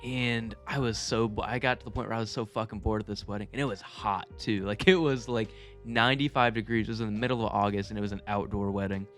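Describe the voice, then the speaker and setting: A man's voice: lowish voice, steady tone, quick pace, a bit bright, soft background music. A young man telling stories casually to viewers in a rambling, amused, profanity-laced way with lots of slang. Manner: amused, chuckling at own tales. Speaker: storyteller video creator. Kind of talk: casual storytime monologue.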